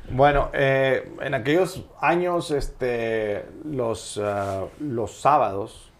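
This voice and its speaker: A middle-aged man, a surgeon guest telling childhood stories in a relaxed, rambling way with many fillers. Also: mid-range voice, extremely slow. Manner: rambling storyteller with frequent fillers. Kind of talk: casual podcast interview.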